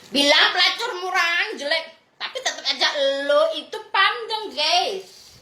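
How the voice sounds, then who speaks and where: A woman's voice: very high voice, animated, unhurried, pushed and bright, roomy sound. A woman vlogger delivering a blunt, crude, confrontational rant to her viewers. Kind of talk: ranting monologue to viewers.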